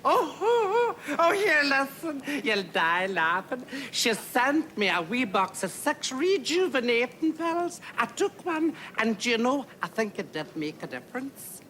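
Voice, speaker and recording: Brief: gossipy older mum, lilting and lively, archive sketch with loud noise behind. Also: female voice, sits high, a little slow, few pauses, heavily acted. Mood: chatty. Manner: gossipy, giggly, Scottish turns of phrase. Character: chatty older mother awaiting her daughter. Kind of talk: TV comedy sketch.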